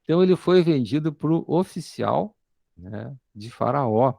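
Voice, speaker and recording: A man preaching a sermon with a Brazilian accent. He reads scripture aloud, explains it slowly, and ends nearly every phrase with a tag question calling for "amen". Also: medium pitch, animated, gravelly, mellow, dry recording, studio quality. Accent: Brazilian Portuguese.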